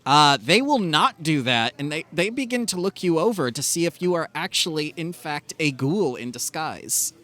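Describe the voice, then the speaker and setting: A man narrating as game master in a tabletop game, animated and full of hesitant fillers. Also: fairly high pitch, normal speed, hardly any pauses.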